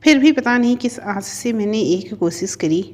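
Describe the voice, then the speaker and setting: A woman's voice: fairly high pitch, lively intonation, moderate pace. A woman voicing a weary, stern mother. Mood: apologetic. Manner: pleading, then scolding. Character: hurt middle-aged mother, weary and stern. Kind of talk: storybook narration.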